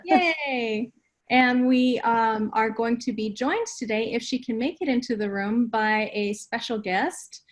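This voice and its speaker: A woman hosting a live online business show, upbeat and quick to laugh. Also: fairly high pitch. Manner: upbeat, laughs often, stumbles on names. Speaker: host. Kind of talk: casual live webinar chat.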